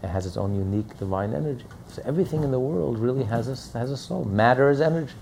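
A man's voice: medium pitch, fast talker, creaky, a little mellow, slight background noise. A man teaching a Torah lesson as a rabbi, speaking emphatically and repeating key phrases.

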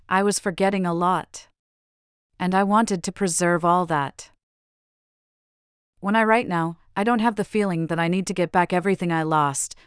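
An older woman from Chile, an author answering interview questions in a measured, reflective way. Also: fairly low pitch, clean tone, no room sound, studio quality.

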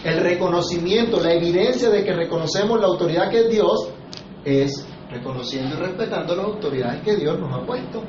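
A man's voice: sits high, a little fast, a little mellow, slight background noise. A man, preaching a sermon in a conversational style that leans on rhetorical questions to the congregation. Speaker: pastor. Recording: echoey, slightly muffled room recording.

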